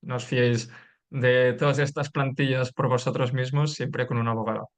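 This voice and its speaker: A polite man hosting a webinar, closing the session and giving viewers instructions. His voice sits at a middling pitch. He speaks over a video call. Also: flat delivery, moderate pace. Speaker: webinar host.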